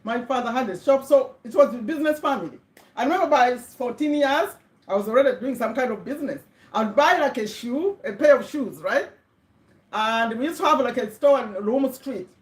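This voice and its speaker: In a bare room that echoes, a middle-aged Ugandan woman livestreams motivation straight into her webcam. Her warm voice sits slightly high for a woman and moves briskly as she chats, checks in with viewers and repeats words to press her points home.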